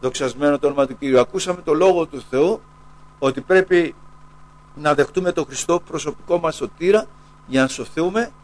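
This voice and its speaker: A man preaching a sermon, who keeps tagging lines with a low, quiet "brothers, eh" and slows down to quote scripture. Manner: repeats "brothers, eh" as a dropping aside; rises in pitch when urging the listeners.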